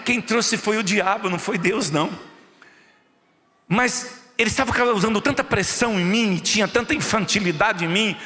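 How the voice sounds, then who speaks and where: In a church with a big-room sound, a Brazilian Portuguese-accented pastor delivers a sermon at a moderate pace in a voice that sits high. He tells lively stories, voicing the people he quotes.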